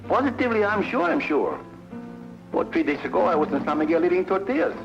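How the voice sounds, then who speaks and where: Pancho, a jumbled-English sidekick. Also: male voice, high voice, sing-song, quick pace, vocal fry, exaggerated voice. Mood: excited. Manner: broken English, jumbled grammar. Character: excitable comic male sidekick, bandit-hunter. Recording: dull old TV soundtrack with music.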